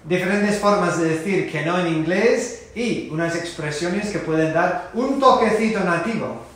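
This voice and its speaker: A man's voice: sits high, measured pace, fairly bright tone. A man hosting a casual language lesson and playfully acting out short example dialogues. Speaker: English teacher. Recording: very echoey room.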